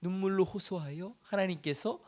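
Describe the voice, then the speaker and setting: High-voiced Korean pastor preaching. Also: male voice, moderate pace, a little mellow. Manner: conversational preaching with rhetorical questions; acts out God's voice in quoted lines. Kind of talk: sermon.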